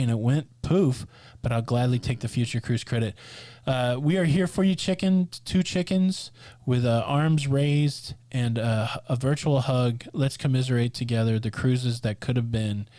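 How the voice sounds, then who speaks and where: A man's voice: medium pitch, mellow, no echo. A man co-hosting a casual live cruise stream, joking around and reading out viewer names and super chats, his eyes watering and nose running. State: eye watering, sniffly. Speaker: co-host of a live cruise show.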